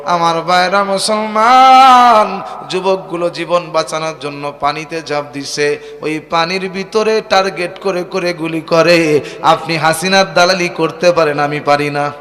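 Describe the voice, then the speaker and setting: A male preacher giving an impassioned sermon, often shouting. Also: on the high side, steady tone, measured pace, long reverb tail, faint music behind. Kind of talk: fiery outdoor sermon.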